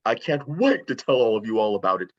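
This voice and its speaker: An actor playing the ecstatic leader of a Halloween town in a script read-through, exuberant and commanding, slightly muffled. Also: male voice, medium pitch, sing-song, fast.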